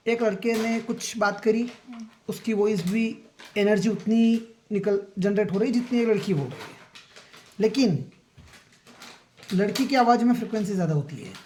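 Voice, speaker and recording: In a classroom science lecture, a high-voiced man counts aloud, quizzes his students, and repeatedly checks that they follow. There's slight background noise.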